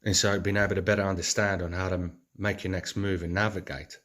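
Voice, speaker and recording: A man's voice: deep voice, flat delivery, fairly quick, fairly bright tone. A man speaking in an earnest, rambling reflective monologue, with many fillers and restarts. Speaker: vlogger.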